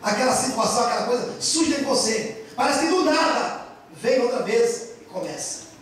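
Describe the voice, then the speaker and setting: A man preaching a sermon as pastor, impassioned, swinging between loud and soft. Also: very high-pitched, animated, moderate pace. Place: church hall in Japan. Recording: very echoey church hall, far from mic, faint music.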